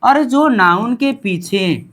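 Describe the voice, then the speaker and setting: A woman teaching a grammar lesson, repeating each word slowly and quizzing the learners as she goes. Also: medium pitch, animated, fairly bright tone. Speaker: language teacher.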